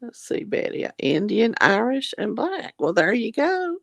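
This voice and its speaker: In a casual live chat, a vlogger reads viewer comments in a slow, gravelly woman's voice that is going hoarse, and she keeps clearing her throat. Her pitch is a little high and very animated, her tone a bit bright, and the studio-quality audio has no echo. Folksy and religious, she calls viewers honey and darlings and often says "Lord have mercy."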